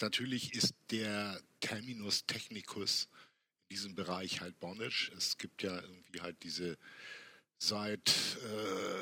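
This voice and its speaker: An older man talking casually as an interview guest, explaining things in a halting, conversational way. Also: on the low side, sharp tone, husky, no room sound. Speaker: podcast guest, workshop teacher.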